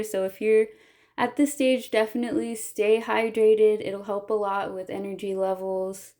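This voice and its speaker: A woman's voice: mid-range voice, mellow. A woman explaining things and giving advice in a casual voice-over. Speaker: vlogger giving recovery advice.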